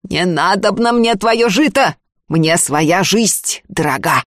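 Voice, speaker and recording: A woman voicing a sly one-eyed village sorcerer who talks sternly and slowly. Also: fairly low pitch, animated, no room sound, studio quality. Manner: stern, slow, commanding.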